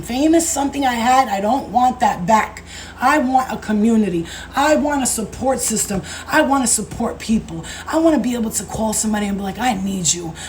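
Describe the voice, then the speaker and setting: A woman in her thirties runs a casual livestream as a spiritual coach, speaking in an animated, slangy way, swearing freely and calling viewers babe and baby. Her voice is fairly high-pitched, and the low-quality recording has a little hiss or hum.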